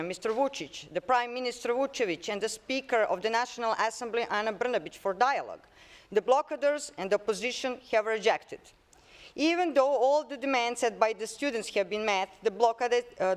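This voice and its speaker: Serbian-accented woman giving a formal speech. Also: a little high. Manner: reads a prepared statement, occasional restarts. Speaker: parliamentarian.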